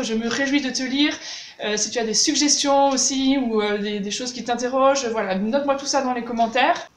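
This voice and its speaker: Woman teacher, high bright voice, echoey room with faint hiss, chatty. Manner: chatty, demonstrates German words with exaggerated pronunciation. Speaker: German language teacher. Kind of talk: casual video lesson.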